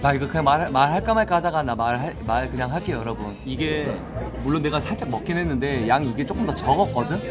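A man's voice: mid-range voice, animated, fast. A man in his thirties hosting a casual vlog date, talking in a playful, teasing way. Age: 30s. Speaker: streamer and vlog host. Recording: music playing behind.

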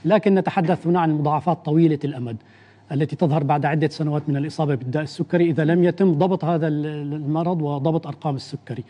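A man, an internal medicine doctor, explaining medical facts in a measured way on a TV interview, often restarting his sentences. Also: fairly high pitch, steady tone, dark tone.

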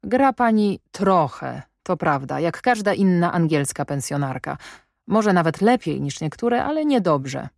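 Stern bossy gentleman read by a lady, low voice, dry close sound, sardonic and probing. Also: big pitch swings, unhurried, gravelly, no echo, heavily acted. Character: stern, brusque commanding gentleman of the manor. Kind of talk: audiobook reading.

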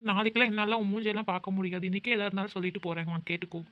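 Woman voicing a sarcastic young man, rapid-fire. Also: medium pitch, steady tone, muffled recording, close to an everyday voice. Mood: cold. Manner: curt, sarcastic. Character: young man, cold and bitter boyfriend. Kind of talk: cartoon voice acting.

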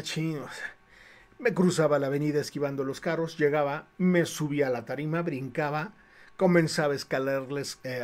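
A middle-aged man with a Mexican accent, casually telling a story on his livestream in a lively, animated way, often restarting his phrases. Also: fairly high pitch. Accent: Mexican Spanish. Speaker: comic artist and livestream host.

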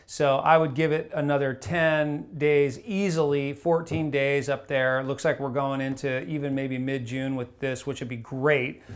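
A fly shop fishing reporter in his forties gives a casual report to camera from a small wood-paneled room. His medium-pitched voice is unhurried with few pauses, and he rambles in a relaxed way, full of fillers and restarts.

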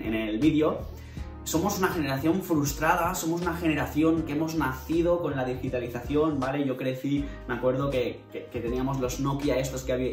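A man's voice: mid-range voice, pushed and bright, distant mic. A man in his twenties from Spain talks loosely to the camera, tagging questions onto his sentences. His voice sits a little back from the mic in a roomy bedroom. Faint music plays behind him. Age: 20s. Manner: conversational, many fillers and tag questions. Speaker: vlogger. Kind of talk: casual talk to camera. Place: bedroom indoors. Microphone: camera at desk distance.

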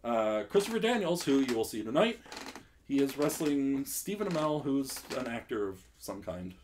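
A man's voice: mid-range voice, very animated, normal speed, a little mellow, a little hiss or hum. A young man hosting a casual podcast quiz game, laughing often and filling gaps with "um". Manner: laughs often, filler-heavy. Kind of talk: casual chat.

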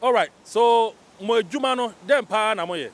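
A man's voice: high-pitched, moderate pace. A man with a Ghanaian accent hosting an interview, chatty and switching between English and Twi. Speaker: interviewer host. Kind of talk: casual interview. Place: outdoors on a beach by the sea. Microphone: handheld mic. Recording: faint outdoor traffic noise.

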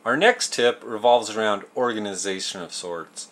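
Explaining each step in simple, homespun terms, the host of a fishing tips show, a man in his thirties, walks viewers through a how-to. He talks at a normal pace in a fairly low-pitched voice with a fairly bright tone.

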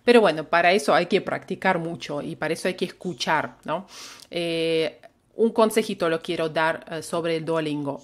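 A woman's voice: low-pitched, normal speed. A woman with a Russian accent, a native Russian speaker, teaching a live online language lesson and patiently repeating phrases for learners to copy.

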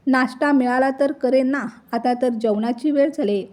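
A woman voicing a kind, gentle older father-in-law who speaks affectionately. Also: high voice, normal speed, lightly acted.

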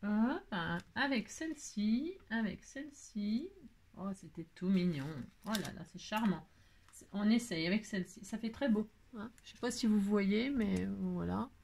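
Speaking at a moderate pace in a mid-range, slightly mellow voice with vocal fry, a French-accented woman runs a relaxed card-making tutorial. She talks through her thoughts while crafting and frequently exclaims with delight.

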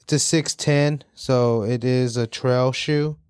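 Man, podcast co-host, smooth resonant voice, dry close mic, slangy joking delivery. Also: medium pitch, fairly even intonation, slow pace, a little mellow, no echo. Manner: loose, joking, slangy banter. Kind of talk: casual chat about sneakers.

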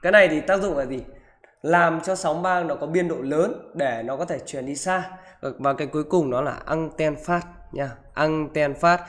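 Male physics teacher, live online class, fairly high voice, frequent check-in questions. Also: normal speed. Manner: keeps asking "được chưa?" and "đúng không?". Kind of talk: live online exam walkthrough.

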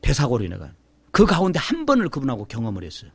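A middle-aged man, a pastor, telling a testimony sermon in an animated storytelling way, acting out the voices of the people in his story. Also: medium pitch, fast, creaky, slightly rough, dry recording.

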